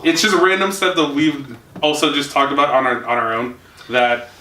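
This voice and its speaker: A man's voice: mid-range voice, steady tone, normal speed, sharp tone. A young man hosting a casual podcast chat, laid-back and rambling, chuckling often. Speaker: podcast host. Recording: echoey room from far off, faint noise.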